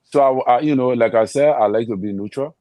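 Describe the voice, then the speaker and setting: A man's voice: medium pitch, fairly quick, warm tone, dry recording. Frank man, dry close sound. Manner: frank, critical, conversational. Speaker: political analyst. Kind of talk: panel discussion.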